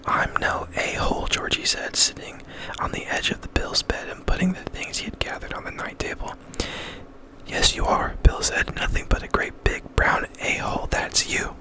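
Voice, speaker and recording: A man reading a novel aloud as ASMR in a breathy, intimate whisper, very close, as if right in the listener's ear. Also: normal speed, poor audio.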